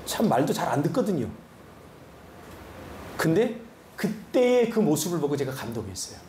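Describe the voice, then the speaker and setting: A male pastor giving an animated sermon full of rhetorical questions to his congregation. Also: fairly high pitch, normal speed, roomy sound, slight background noise. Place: church sanctuary.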